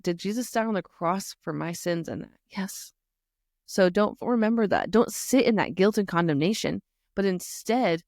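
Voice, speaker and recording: Chatty woman with a low voice. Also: dry recording, studio quality. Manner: chatty and animated, lots of "like" and self-talk asides. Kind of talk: casual faith talk to moms.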